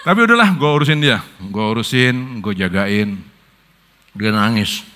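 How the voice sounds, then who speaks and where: Jakarta pastor guy, slangy storytelling sermon, bright voice, pitch all over the place. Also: normal speed. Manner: slangy, storytelling, swings from low murmurs to high excited bursts. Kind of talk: casual youth sermon.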